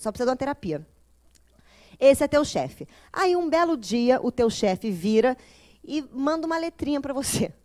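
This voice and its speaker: A woman's voice: a little high, darkish tone, dry recording. A woman lecturer at a spiritist center giving an informal, humorous spiritual talk full of rhetorical questions.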